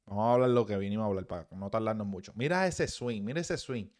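Young man, casual co-host, swing analyst, repeats quick instructions to move the clip along. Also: on the low side, lively intonation, a little mellow. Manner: rapid, repetitive instructions to advance the video. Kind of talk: casual banter and swing breakdown.

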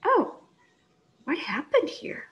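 A woman voicing Credence, a curious, easily puzzled girl in a children's story, with expressive exclamations. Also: fairly high pitch, normal speed, gravelly, lo-fi sound.

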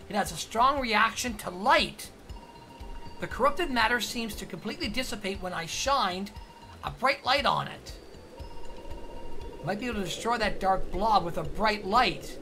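Woman reading as a calm fatherly mentor. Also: medium pitch, pitched below the performer's own voice. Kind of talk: reading game dialogue aloud.

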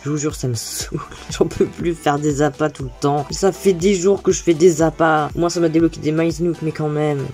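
A woman with a low voice gives casual commentary as she plays a video game. She talks in a chatty, expressive way, quick to sound exasperated. Faint game music runs underneath.

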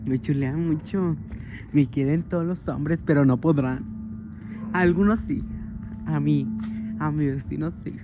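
Male comic as a sentimental, vain young woman; bashful comedy vlog character, recorded on a street with loud ambient noise. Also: on the high side, a little slow, pauses often. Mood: giddy. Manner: gushing, self-admiring, keeps saying how embarrassed she is. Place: outdoors on a street by a shop. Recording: dull lo-fi with loud outdoor noise.

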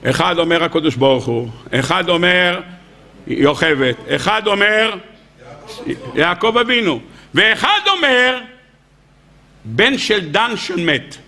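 A rabbi holds forth before a live audience in a high, gravelly voice with a bright, sharp edge. He tells the story with humor, acts out each character, and keeps throwing questions at his listeners. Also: very animated, pauses often. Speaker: rabbi giving a weekly Torah lecture. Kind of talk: lively storytelling sermon. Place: lecture hall with a live audience.

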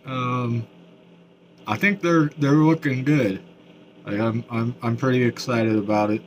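A man talking through new dentures in a casual video update, his mouth still numb, halting with many fillers and restarts. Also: medium pitch, steady tone, slight background noise. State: mouth still numb after dental work. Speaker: vlogger.

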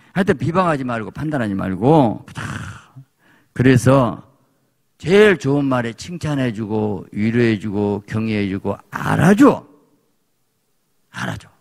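Gravelly pastor with a Jeolla accent. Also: male voice, fairly low pitch, darkish tone. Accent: Jeolla Korean. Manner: emphatic, repetitive exhortation. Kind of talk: sermon.

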